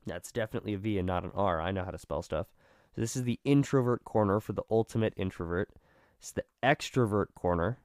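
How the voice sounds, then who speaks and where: A man with vocal fry, just over being sick, giving a casual, rambling explanation and often correcting himself. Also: fairly low pitch, fast talker, darkish tone, dry recording, clean studio sound. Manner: rambling, self-correcting, self-deprecating. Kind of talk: casual, informal explanation at a drawn diagram.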